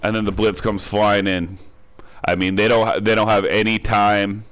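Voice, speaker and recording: A man with a stuffed-up nose from a cold narrates a casual gaming tutorial, explaining a defense one step at a time and frequently restarting or repeating lines. His voice is lowish yet fairly bright and clean, level in tone and at a normal speed.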